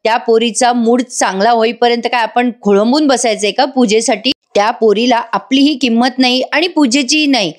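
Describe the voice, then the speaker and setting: A woman's voice: fairly high pitch, moderate pace, few pauses, natural voice. A woman voicing a stern, irritable older man who heads a family, in a scolding manner.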